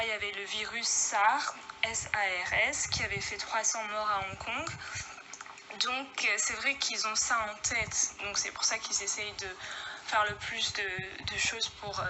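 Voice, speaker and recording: A woman's voice: mid-range voice, low-quality recording. A woman from Réunion, a guest giving a casual spoken testimony, hesitant and full of fillers, recorded at home.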